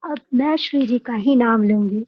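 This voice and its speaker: A woman's voice: on the high side, normal speed, dry recording, narrow, tinny audio, natural voice. A woman voicing a devout woman who sulks and reproaches her god. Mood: reproachful. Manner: sulking, reproachful.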